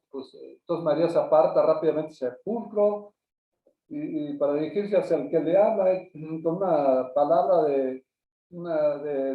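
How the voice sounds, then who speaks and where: A man, a pastor, teaching a Bible class in a halting way, often repeating words and ending phrases with a questioning tag. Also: fairly high pitch. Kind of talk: Bible study lecture. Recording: echoey, distant, phone-like sound.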